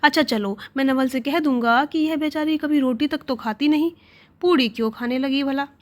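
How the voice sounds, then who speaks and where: A woman's voice: high-pitched, normal speed, lightly acted. A woman voicing a young husband who insists on leaving today and teases his wife with mild sarcasm. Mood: sarcastic.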